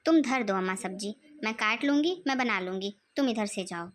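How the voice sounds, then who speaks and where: A woman's voice: mid-range voice, animated, moderate pace, a little hiss or hum, close to an everyday voice. A woman voicing a young village wife in a cartoon, insistent and complaining. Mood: sulky. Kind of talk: cartoon voice acting.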